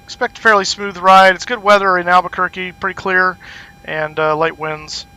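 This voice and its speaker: Guy doing a pilot cabin announcement from the cockpit, high bright voice, laid-back, lots of uhs. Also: normal speed, slight background noise, low-quality recording. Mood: calm, breezy. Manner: relaxed, with filler "uh"s and a dry joke. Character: airline captain making a cabin announcement. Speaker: flight sim streamer. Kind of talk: mock airline cockpit announcement.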